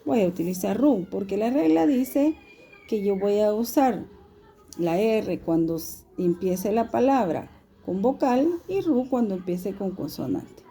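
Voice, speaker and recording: A woman teaching a recorded video lesson, with a very dark, mellow tone. She talks slowly and patiently and puts questions to her students as she explains. Her speech is unhurried and steady. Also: medium pitch.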